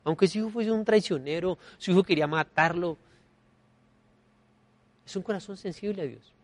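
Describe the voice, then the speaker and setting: Man, pastor, sermon, emphatic, loud-soft swings, repeated refrains, higher voice, dry close sound. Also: moderate pace, no echo. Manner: emphatic preaching with wide swings in loudness; repeats key phrases as rhetorical refrains.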